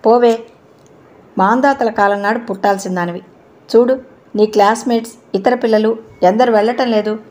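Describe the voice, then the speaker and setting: A woman's voice: on the high side, fairly even intonation, normal speed, pauses often, darkish tone, close to an everyday voice. A woman doing a teasing older brother. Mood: scoffing. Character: playful teasing young man, older brother.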